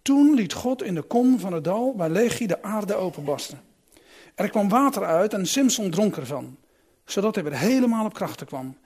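A man's voice: high-pitched, sing-song, normal speed, darkish tone, husky. A man reading a Bible passage aloud and then explaining it in a musing, conversational way with a few restarts.

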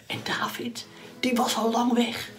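A woman telling a Bible story to children, animated and addressing them directly. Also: fairly high pitch, unhurried, whispered.

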